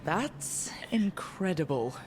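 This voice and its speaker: An actress playing an easygoing hero who leads a party in a video game. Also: female voice, on the low side, animated, takes it slowly.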